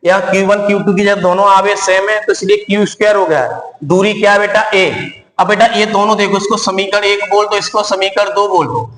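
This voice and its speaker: A man teaches physics at a board in a high, carrying voice. He quizzes his class and answers his own questions, calling the students "beta" as he goes. The sound bounces around a roomy space with a long reverb. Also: fairly even intonation, fairly quick, fairly bright tone. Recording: echoey room.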